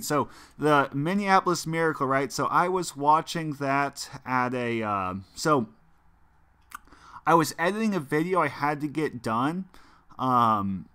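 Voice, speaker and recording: The speaker is a young American man talking to his audience during a mobile football gameplay stream, his chatter loose and full of fillers and false starts. His mid-range voice comes across bright, forceful, and clean.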